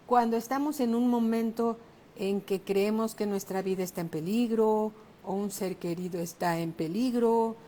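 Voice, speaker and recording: A middle-aged woman pastor preaches at a slow, deliberate pace. Her voice sits at a medium pitch. She stresses key phrases and lifts her voice for exclamations. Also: darkish tone, a little hiss or hum. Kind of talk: sermon.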